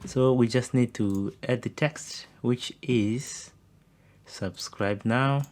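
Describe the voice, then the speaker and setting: A man's voice: mid-range voice, takes it slowly, a little mellow. A man teaching frontend coding, thinking aloud step by step with fillers as he types code. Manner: talks while typing, thinks aloud with fillers. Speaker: coding instructor. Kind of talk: screen-recorded coding tutorial. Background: keyboard typing.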